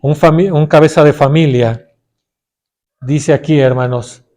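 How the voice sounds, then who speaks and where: A man's voice: a little high, steady tone, unhurried, darkish tone. A middle-aged man with a Mexican Spanish accent preaching a sermon, often calling his listeners brothers and putting questions to them.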